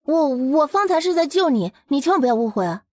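A woman performs a bold young heroine from a historical romance drama in a high voice. She is spirited, practical and forthright, with a brisk manner. The recording is dry. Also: big pitch swings, darkish tone, no echo. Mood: flustered. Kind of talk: historical audio drama dialogue.

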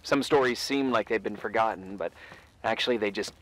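An actor playing a calm, cryptic official who speaks in a soft, measured way in video game dialogue. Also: male voice, fairly low pitch, natural voice.

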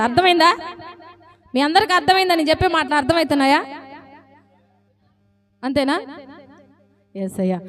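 A woman preaching a sermon to a congregation, lively and constantly asking them questions and calling for answers. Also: sits high. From South India.

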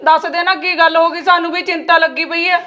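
A woman's voice: extremely high pitch, little pitch movement, fairly quick, pushed and bright. A woman playing a probing village woman. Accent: Malwai Punjabi. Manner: probing, repeated questions. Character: concerned village woman, questioning. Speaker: female relative. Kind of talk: web series acting.

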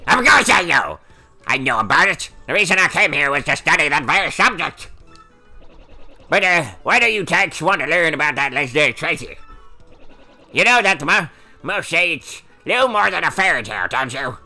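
A man's voice: fairly high pitch, big pitch swings, moderate pace, creaky, sharp tone, soft background music, voice pushed up, heavily acted. A man voicing an elderly, absent-minded male Goomba professor while reading game dialogue on stream. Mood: scholarly. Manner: flustered, fumbling old-man voice.

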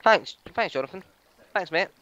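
A man giving casual gameplay commentary, excitable, teasing and swearing as he plays. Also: high voice, moderate pace, highs cut off, a little hiss or hum. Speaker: gamer.

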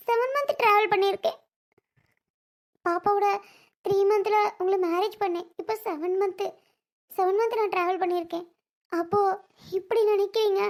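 Woman doing a young wife who's hurt and pleading, super high thin voice, home-made audio drama. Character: tearful young wife and new mother, hurt.

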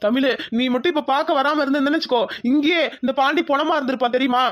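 A woman's voice: high-pitched, fairly even intonation, very fast, dull audio, lightly acted. A woman voicing a lovesick young village man who coaxes and pleads affectionately in a cartoon. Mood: pleading. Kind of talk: cartoon voice acting.

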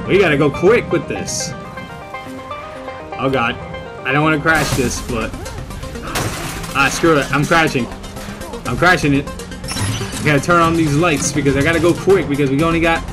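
Young male gamer host, slightly high voice, casual and rambling, game music underneath. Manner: rambling, repeats phrases. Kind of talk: casual gameplay commentary.

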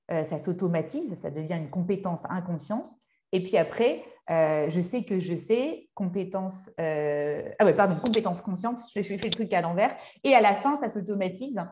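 A woman in her thirties, a hypnotherapist, giving a motivational workshop talk in a conversational, halting way as she searches for words. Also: mid-range voice, darkish tone. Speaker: speaker and hypnotherapist.

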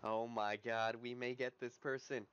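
A young man giving live gameplay commentary, swinging from low muttering to loud yelling, swearing and repeating words in bursts. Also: flat delivery, unhurried, muffled recording, slight background noise. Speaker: gaming YouTuber.

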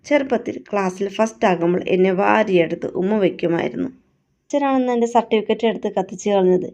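A woman's voice: medium pitch, fast, darkish tone, lightly acted. A woman voicing a defiant young woman who feels betrayed by her family, emotional and reproachful, on a dull lo-fi recording. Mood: sad.

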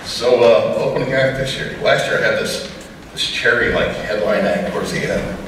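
A man's voice: mid-range voice, moderate pace. A middle-aged American man from Wyoming performs cowboy poetry and folksy stories live, projecting to a room in a self-deprecating way. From Wyoming, USA. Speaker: cowboy poet performing at a church talent show. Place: large church auditorium stage, indoors. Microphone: distant audience camera. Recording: echoey hall from far off, noisy.

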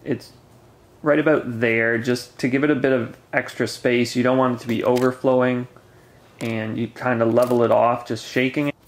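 A man's voice: medium pitch, level tone, normal speed. A man casually explaining how to make camp coffee, talking step by step at a picnic table in a forest. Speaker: camping gear reviewer.

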